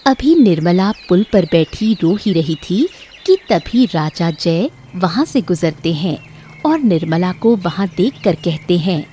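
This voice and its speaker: A woman giving scripted storybook narration for an animated moral tale, in a steady, even storytelling manner. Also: on the low side, measured pace, a little hiss or hum.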